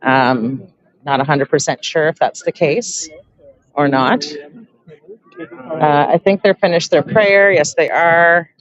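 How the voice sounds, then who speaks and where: A woman's voice: deep voice, slow pace, pauses often, dull audio. A woman hosting a casual live stream from an outdoor protest, chatting with lots of fillers and laughs. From Canada. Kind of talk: casual street interviewing.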